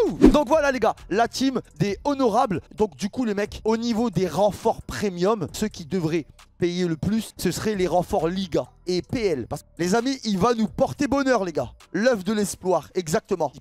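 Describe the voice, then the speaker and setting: Excitable high-voiced French man. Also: moderate pace, no echo. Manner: excitable, shouts at big pulls, repeats "les gars". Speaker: gaming streamer. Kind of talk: pack opening commentary.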